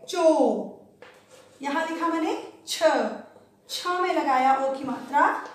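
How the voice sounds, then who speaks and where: A woman's voice: high-pitched, slight background noise. A woman teaching young children a lesson in a classroom, patiently asking questions and then answering them herself. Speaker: primary school teacher. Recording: very echoey room, voice from a distance.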